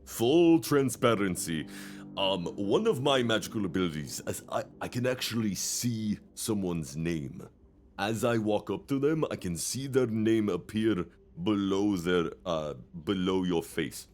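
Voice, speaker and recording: A man's voice: fairly low pitch, big pitch swings, measured pace, darkish tone. A man giving casual, playful let's play commentary as a gaming host, full of jokey asides. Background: faint game music.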